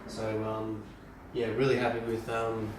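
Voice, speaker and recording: A man's voice: fairly low pitch, completely flat delivery, a little slow, noisy background. A man, a home brewer, chatting casually through a how-to video, rambling with lots of ums and restarts. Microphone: camera from a distance. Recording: roomy and distant camera mic.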